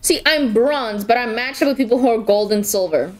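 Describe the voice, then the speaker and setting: Giggly high-voiced woman streamer. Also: brisk, music in the background. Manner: giggly and chatty, reacting aloud to the game and chat. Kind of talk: casual live gaming stream chat.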